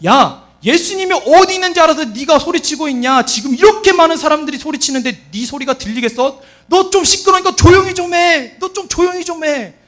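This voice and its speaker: A man voicing scolding, annoyed bystanders who hush someone. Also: very high voice, very animated, fairly quick, voice pushed up. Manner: scornful, hushing.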